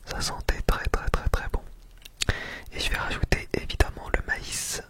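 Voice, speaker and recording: In a close, in-ear whisper at a normal speed, a man talks through a food ASMR video, repeating words and phrases again and again to stress them.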